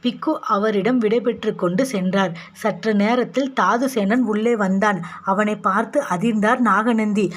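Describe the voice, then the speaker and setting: A woman storyteller reading a historical novel aloud in a steady, plain manner. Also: medium pitch, unhurried.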